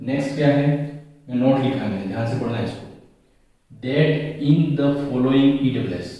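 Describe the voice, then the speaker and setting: At a moderate pace and in a warm, mid-range voice, a male English grammar teacher walks through his slides step by step. Each rule gets repeated, he asks questions and answers them himself, and the distant recording is very echoey.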